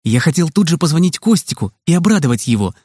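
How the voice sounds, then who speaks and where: A man narrating a children's story in the first person, in a lively manner. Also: a little high, fast talker, slightly rough, no room sound, studio quality.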